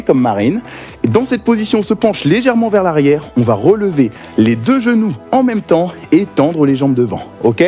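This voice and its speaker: A man leading a guided workout class, giving energetic, encouraging cues and counts. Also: a little high. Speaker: fitness coach.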